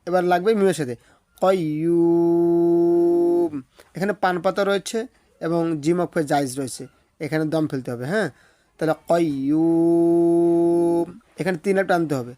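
Speaking with a Bangladeshi Bengali accent, a man teaches recitation step by step, spelling out each letter with patient explanations. He draws out every recited word slowly in a sing-song manner. His voice is on the high side and darkish in tone, and the recording is dry.

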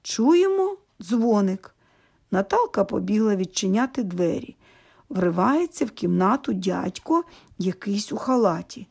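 A woman reading a children's story aloud in an expressive, lively way, acting out each character. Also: mid-range voice, a little slow, creaky, slightly rough.

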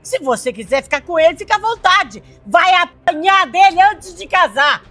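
Woman as a stern, commanding mother, Brazilian accent, very high voice. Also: animated, moderate pace, a bit bright, heavily acted. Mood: scolding. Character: protective, fiery mother, middle-aged woman.

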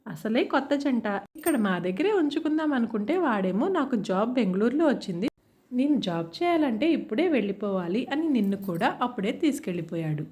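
A woman voicing a gentle, caring middle-aged mother-in-law who speaks affectionately in a told story. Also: on the high side, very animated, a little fast. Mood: tender, concerned. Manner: affectionate, concerned. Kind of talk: storybook character voice.

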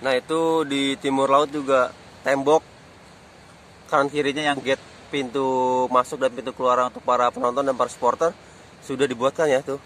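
A man with a medium-pitched voice gives a relaxed walking tour of a stadium construction site outdoors, speaking at normal speed and pausing often. He points things out as he goes in casual walk-and-talk commentary, filmed on a phone camera held low, with slight background noise.

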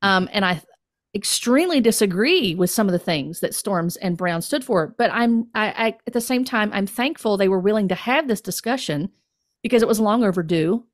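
A woman's voice: mid-range voice, lively intonation, normal speed, no room sound, clean studio sound. A woman co-hosting a casual theological discussion, speaking earnestly and often restarting her sentences. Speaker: podcast co-host.

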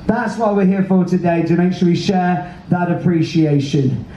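A British man hosts from a theater stage as a cruise director, speaking with emotive, earnest emphasis. His voice sits high for a man and has a soft, mellow tone. It comes through a roomy PA, picked up from far back in the hall. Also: normal speed, lo-fi sound. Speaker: cruise director hosting a veterans' event. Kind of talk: live stage address to an audience. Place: large indoor theater stage. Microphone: handheld mic, filmed from the audience. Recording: roomy theater PA heard from afar, faint noise.

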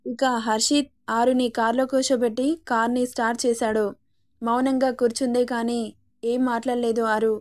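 A woman reading a romance story aloud with steady narration. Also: on the high side, normal speed.

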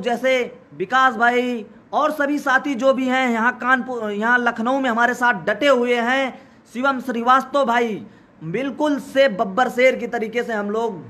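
A man with a very high, bright and strained voice gives a rallying live speech. He sounds hoarse from days of shouting, urges his listeners insistently, and repeats the same call again and again. He speaks like someone running a protest. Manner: urgent, exhorting, repetitive. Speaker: protest organizer. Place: outdoor protest site.

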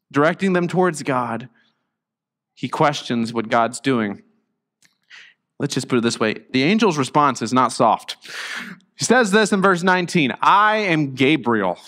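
A middle-aged male pastor with a fairly high, a bit bright voice preaches a conversational sermon in a church sanctuary, where a long reverb tail trails his words. Earnest and prone to restarts, his voice recovers after being lost.

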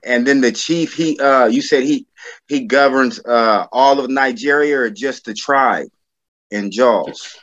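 A man hosting a video call discussion, asking questions haltingly with many restarts. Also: mid-range voice, fairly bright tone. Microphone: laptop webcam on video call. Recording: slightly dull, lo-fi sound.

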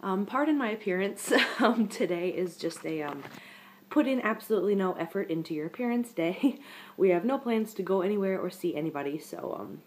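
A young woman vlogger with a congested head-cold voice gives a casual pregnancy update to her webcam from her living room couch. Her mid-range voice is animated and a little fast, and she chats and rambles straight to viewers.

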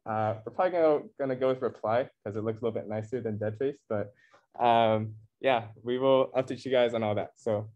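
A young Californian man, co-president of a club, presents at a casual meeting in a rambling, upbeat style packed with fillers. His voice is mid-range, brisk and narrow. The audio sounds tinny.

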